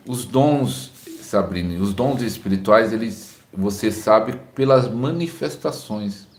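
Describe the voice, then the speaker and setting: A man's voice: lowish voice, reverberant. A man with a Brazilian Portuguese accent, a pastor preaching live and reading viewer comments aloud while encouraging the people who wrote them.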